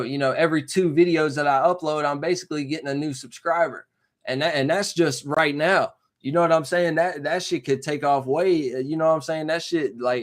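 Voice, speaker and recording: A man in his twenties chatting casually on a live stream, rambling with lots of slang, fillers and "you know what I'm saying.". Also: a little high. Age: 20s.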